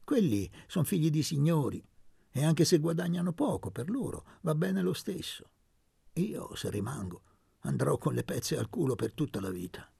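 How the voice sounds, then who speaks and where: A male reader plays a young medical student who talks plainly and bluntly, with a bitter frankness. His voice is gravelly and a little husky, lively in its rise and fall. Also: fairly high pitch, normal speed, no echo, studio quality, voice pushed up, full character voice.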